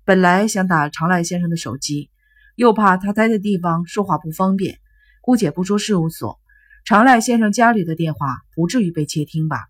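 A woman voicing a troubled, remorseful young man on the phone in a storybook reading, speaking flatly and quietly. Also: lowish voice, moderate pace, husky. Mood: subdued. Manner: flat, subdued speech.

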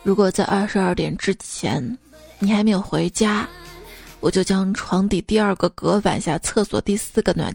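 A woman's voice: mid-range voice, creaky. A woman radio host reading jokes in a playful, teasing way, chuckling between punchlines.

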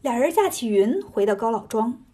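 High, husky woman telling a story. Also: sing-song, moderate pace, mellow. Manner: playful, chatty. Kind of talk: lively children's story narration.

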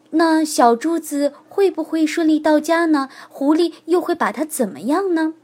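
A woman storyteller reading a children's story aloud, speaking gently and warmly to young listeners. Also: high-pitched. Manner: lively, gentle, addressing children.

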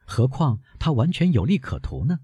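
A man doing a high, coaxing noblewoman. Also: sing-song, normal speed, mellow, breathy edge, no echo, highs cut off. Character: proud, insistent young noblewoman.

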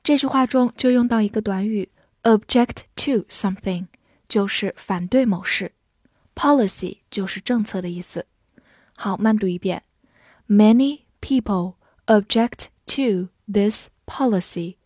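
A woman teaching English vocabulary in a lesson, patiently spelling words letter by letter and reading example sentences slowly, with Chinese as her first language. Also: mid-range voice, a little mellow, dry recording, clean studio sound.

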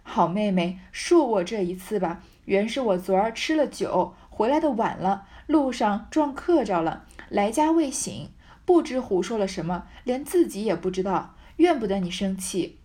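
A woman's voice: mid-range voice, animated, moderate pace, dark tone, natural voice. A woman reading as a fawning young rogue. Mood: pleading. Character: wayward young man, fawning and apologetic.

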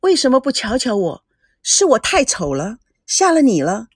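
A woman reading a story aloud, voicing a tender but spirited young bride. Her tone is husky and breathy. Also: a little high, wildly swooping pitch, normal speed, no echo, studio quality, heavily acted. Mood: gentle.

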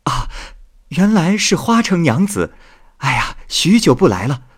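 A man voicing a gentle young fairy woman who coaxes and chides in a soft raised voice. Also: fairly high pitch, sing-song, unhurried, slightly rough, pitched above the performer's own voice, heavily acted. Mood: teasing, welcoming.

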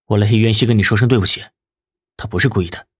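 A man's voice: fairly low pitch, racing, husky, no room sound, clean studio sound. An actor playing a cold, contemptuous young man in an audiobook drama, with an icy, scornful delivery.

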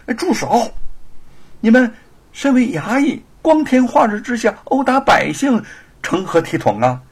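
A man voicing an indignant, righteous male scholar who scolds loudly. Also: mid-range voice, big pitch swings, normal speed, slightly rough. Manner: loud, scolding.

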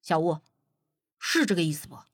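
A woman's voice: lowish voice, very animated, moderate pace, no echo, studio quality, voice pushed down. A woman voicing a plain-spoken middle-aged male team leader who explains things patiently in a folksy way, in an audiobook reading. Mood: explaining.

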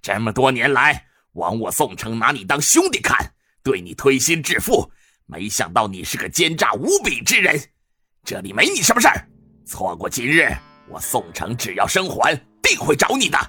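A man doing a snarling, gravelly cornered villain. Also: mid-range voice, wildly swooping pitch, moderate pace, soft background music, heavily acted. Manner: spits threats in sharp bursts.

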